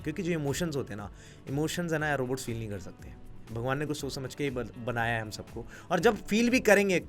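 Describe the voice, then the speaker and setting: A young man giving a casual explainer talk as a business YouTuber, chatty and relaxed, slipping English phrases into his speech. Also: mid-range voice. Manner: conversational, mixes Hindi with English phrases.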